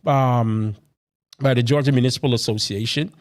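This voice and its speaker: A man's voice: mid-range voice, steady tone, normal speed. A man from Guyana raised in Brooklyn, a city council member talking earnestly in an interview and often tagging "right?". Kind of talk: casual interview talk.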